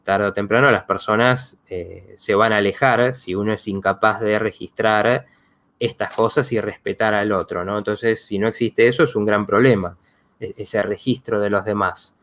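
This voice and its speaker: Low-voiced man musing. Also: fairly even intonation, normal speed, fairly bright tone. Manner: reflective, many fillers and restarts. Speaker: psychologist host. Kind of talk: live-stream talk.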